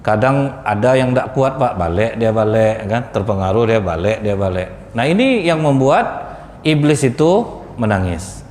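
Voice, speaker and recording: A man's voice: lowish voice, lively intonation, a little slow, darkish tone. A male preacher telling stories in a mosque sermon, often addressing the crowd as "Pak" and "Bu". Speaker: Islamic preacher. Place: large mosque hall. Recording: echoey mosque hall with faint noise.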